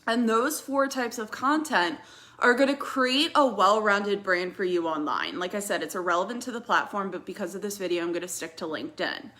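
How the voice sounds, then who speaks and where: A woman's voice: mid-range voice, normal speed, bright, forceful tone. A young woman coaching viewers on social media growth in a casual vlog, talking in a chatty, direct way and laughing at her own slips.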